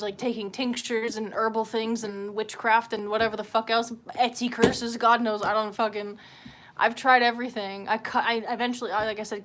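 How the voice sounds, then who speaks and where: A woman's voice: fairly high pitch, fairly bright tone, a little hiss or hum. A woman livestreamer venting in casual chat, swearing freely and rambling with lots of fillers. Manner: profane, exasperated venting with many fillers.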